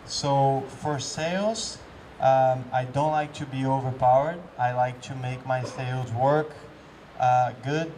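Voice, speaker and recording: Male windsurfer at a Q&A, mellow tone, halting delivery, recorded from a distance with faint noise behind. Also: medium pitch. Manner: hesitant, many fillers and restarts. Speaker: pro windsurfer answering questions. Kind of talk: casual Q&A answers.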